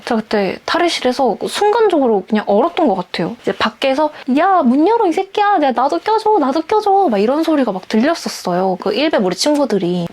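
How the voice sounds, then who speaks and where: A woman's voice: on the high side, darkish tone. A young adult woman telling a personal story in a candid, reflective way, with many fillers. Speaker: vlogger.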